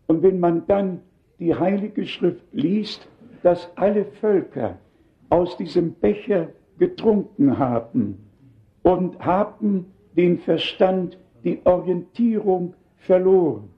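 Older man, sermon, high voice, unhurried, emphatic preaching, muffled lo-fi sound. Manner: earnest, emphatic preaching with asides to the congregation.

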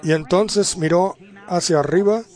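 A male preacher with a fairly high voice delivers a sermon at an unhurried, deliberate pace. He stops between phrases and keeps turning to the congregation with rhetorical questions. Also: darkish tone. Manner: unhurried, with drawn-out pauses. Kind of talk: sermon storytelling.

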